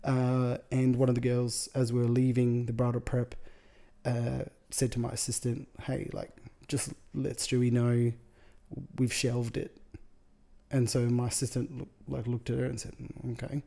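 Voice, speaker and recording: A man's voice: mid-range voice, monotone, measured pace, gravelly, warm tone. A man casually telling a rambling story, with lots of quoted dialogue and amused asides. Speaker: podcast host, wedding photographer.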